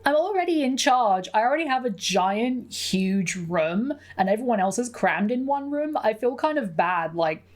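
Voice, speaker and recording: A young woman giving chatty game commentary and reading in-game messages aloud, laughing often. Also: on the high side. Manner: chatty and giggly, reads messages in a flat quick voice. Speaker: gameplay commentator.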